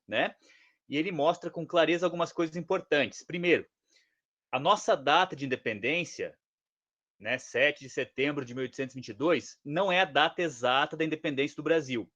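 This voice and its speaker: A male history teacher explains things casually to his class. He keeps checking in with short tag questions. His voice sits a bit high, and the recording sounds dull and lo-fi. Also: a bit bright.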